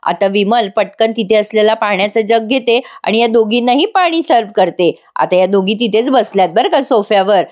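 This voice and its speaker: A woman's voice: mid-range voice, normal speed, hardly any pauses, a little mellow. A woman reviewing a TV serial in voice-over, retelling the episode in a chatty way and speaking straight to her viewers. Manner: chatty, addresses viewers directly.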